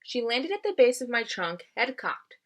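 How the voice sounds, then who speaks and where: A woman reads a storybook aloud in a teacherly, very animated way, explaining the story simply with asides along the way. Her voice is fairly high-pitched and her speed is normal.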